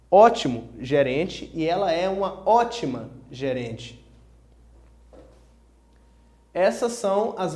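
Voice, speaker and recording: A man teaching a grammar lesson, speaking clearly and spelling out each example slowly. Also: high-pitched, dark tone. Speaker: Portuguese teacher.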